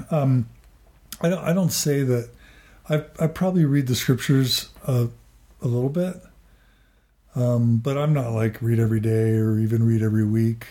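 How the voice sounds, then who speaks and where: A man in his forties, a therapist and podcaster, speaking earnestly and haltingly in a reflective interview, often restarting and repeating words. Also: medium pitch, steady tone, mellow.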